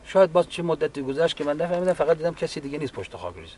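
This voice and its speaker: A man, a wounded war veteran, giving a halting, unhurried personal account with frequent restarts. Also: on the high side, big pitch swings, darkish tone. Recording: distant mic with faint background ambience.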